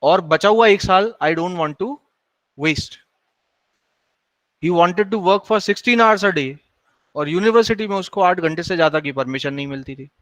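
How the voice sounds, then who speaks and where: A man's voice: sits high, slow pace, long pauses, a bit bright, no echo, poor audio. A male university lecturer in a classroom, scolding and lecturing his students in a mix of Hindi and English.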